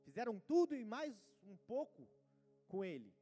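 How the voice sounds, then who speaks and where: A Brazilian pastor with a high-pitched voice delivers a lively sermon, jumping from loud emphatic bursts to soft confiding asides. He acts out the voices of the people he quotes. Faint music plays under his voice. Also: normal speed. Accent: Brazilian Portuguese.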